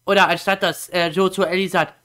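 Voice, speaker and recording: A woman's voice: fairly low pitch, level tone, fairly quick, a bit bright. A woman youtuber casually explaining a game's plot, chatty and slangy, acting out quotes.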